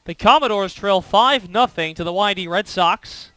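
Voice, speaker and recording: Crisp, high-pitched male baseball color commentator. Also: normal speed, pushed and bright, no room sound. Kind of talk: live sports commentary.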